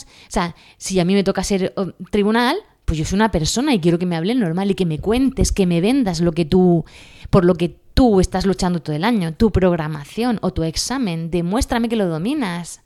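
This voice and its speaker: A woman's voice: on the low side, darkish tone. Woman, Spain Spanish accent, teacher, casual lesson, chatty, checks in with listeners. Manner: chatty, laughs at herself, asks "¿vale?" often. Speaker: teacher giving exam advice.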